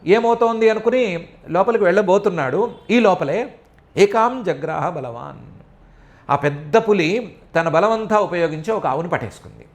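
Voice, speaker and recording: A man's voice: high-pitched, moderate pace. Man chanting and explaining verses. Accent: Telugu. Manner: chants Sanskrit verses, then explains them in Telugu storytelling. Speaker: scripture expounder. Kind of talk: devotional scripture discourse.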